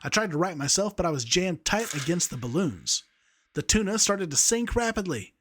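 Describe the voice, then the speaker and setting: Fairly high-voiced man reading aloud. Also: sing-song, moderate pace, a bit bright, slight background noise. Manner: amused, breaks off to laugh at the text. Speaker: narrator reading a game text aloud. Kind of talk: reading a story aloud, with quoted dialogue.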